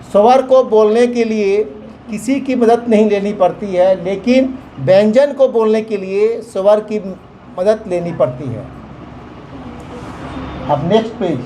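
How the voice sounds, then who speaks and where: A man's voice: sits high, unhurried, mellow, slight background noise, poor audio. A man teaching a grammar lesson to children, explaining step by step with examples.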